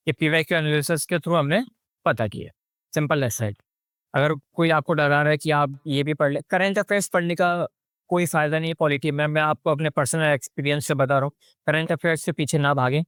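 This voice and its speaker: A man's voice: on the high side, clear, resonant tone, no room sound, clean studio sound. A young man coaching exam aspirants in a lecture, talking bluntly and mixing English phrases into his speech. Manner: direct, blunt, mixes English phrases into Hindi.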